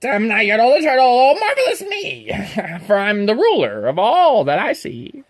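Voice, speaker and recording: A woman voicing a boastful, bossy male turtle king who shouts and gloats. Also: fairly high pitch, wildly swooping pitch, moderate pace. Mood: gloating.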